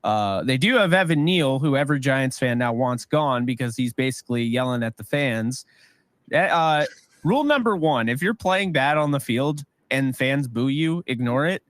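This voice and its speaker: A man co-hosting a sports podcast, giving rambling, animated opinions with lots of fillers. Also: medium pitch, normal speed, no room sound. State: voice getting worn. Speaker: podcast co-host. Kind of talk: casual sports talk.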